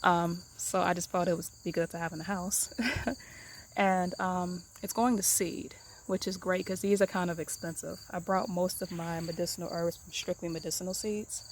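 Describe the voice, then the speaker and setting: Woman host, lowish voice, easygoing and rambling with lots of "um" and "really, really", recorded outdoors in a garden with crickets chirping. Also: moderate pace, slight background noise. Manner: relaxed, rambling, many ums and repeated "really, really". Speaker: home gardener giving an herb tour. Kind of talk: casual garden tour vlog. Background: crickets and insects.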